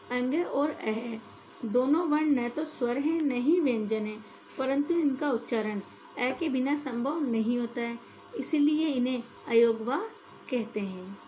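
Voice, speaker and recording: A woman's voice: on the high side, dark tone. A woman teaching a grammar lesson, explaining step by step and often checking in with her listeners.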